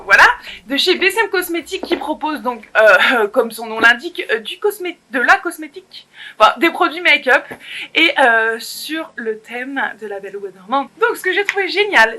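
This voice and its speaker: Bubbly woman doing an unboxing vlog, high bright voice, chatty and playful. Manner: bubbly and playful, addresses viewers directly. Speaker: beauty vlogger.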